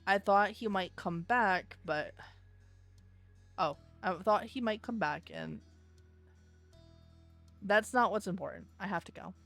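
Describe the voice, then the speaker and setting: A woman's voice: medium pitch, slow, pauses often, a bit bright, soft background music. A woman voicing a worried, polite middle-aged father who is looking for his son, reading a visual novel aloud.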